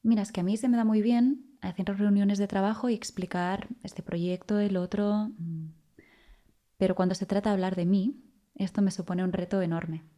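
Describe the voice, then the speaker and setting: A woman's voice: mid-range voice, fairly even intonation, moderate pace, mellow. A woman podcast host speaking in a thoughtful conversational way, searching for words as she goes. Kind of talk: conversational interview.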